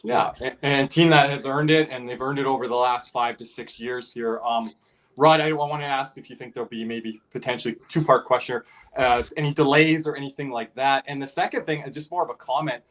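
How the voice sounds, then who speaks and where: A man's voice: medium pitch, fairly even intonation, fairly quick, a bit bright. A man hosting a hockey podcast. He talks loosely and fills his speech with "you know" and "like". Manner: loose, filler-heavy, lots of "you know". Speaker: podcast host. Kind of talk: casual hockey podcast chat.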